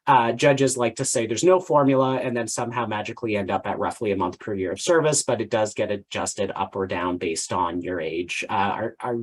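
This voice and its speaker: A Canadian man lawyer explaining severance rules in a plain, brisk way with "uh" openers. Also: on the low side. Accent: Canadian English. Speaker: employment lawyer. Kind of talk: explaining legal points in an info session.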